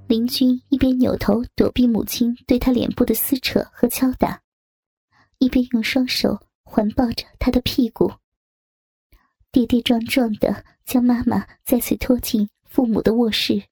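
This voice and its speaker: Female narrator, soft breathy half-whispered story reading, slightly high voice, faint music behind. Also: fairly even intonation, moderate pace, no room sound, studio quality. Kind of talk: scripted audio story narration.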